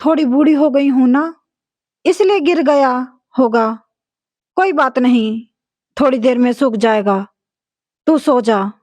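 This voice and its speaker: A woman voicing an elderly, patient and loving mother who speaks gently and softly in a storybook tale. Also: high-pitched, slow pace, long pauses, no echo. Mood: gentle. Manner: gentle, soft-spoken.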